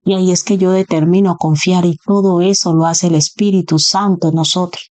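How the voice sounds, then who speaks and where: A woman preacher delivers an earnest sermon in a low-set voice. She drives her points home with rhetorical questions aimed at her listeners. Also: fairly even intonation, a little fast, a little mellow.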